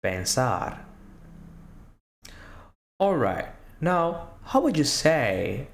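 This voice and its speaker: A male language teacher who speaks very slowly and repeats each phrase several times, with a lively, rising and falling pitch. His English phrasing is slightly non-native, and the room around him echoes noticeably. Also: creaky. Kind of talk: slow spoken language lesson.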